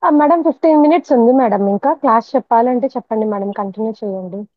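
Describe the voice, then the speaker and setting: Quick polite woman, thin phone-like sound. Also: fairly high pitch, no room sound. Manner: polite, deferential. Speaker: class organizer keeping time. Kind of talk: brief aside from the audience.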